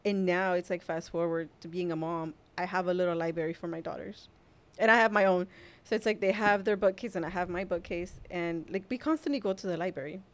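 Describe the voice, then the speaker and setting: A young Mexican mother whose first language is Spanish tells her personal story as a podcast guest. Her voice is fairly low-pitched and she speaks briskly, yet softly and hesitantly, laughing often.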